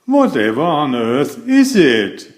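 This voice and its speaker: A man's voice: a little high, wildly swooping pitch, takes it slowly, pitched above the performer's own voice, exaggerated voice. A man voicing an absurd, matter-of-fact male storybook character who explains nonsense earnestly. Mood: sleepy surprise.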